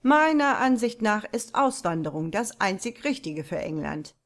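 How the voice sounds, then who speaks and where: A woman reading the part of an unflappable American diplomat with dry wit. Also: mid-range voice. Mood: dry, calm. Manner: calm, dry, unhurried. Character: calm dry-witted American diplomat man.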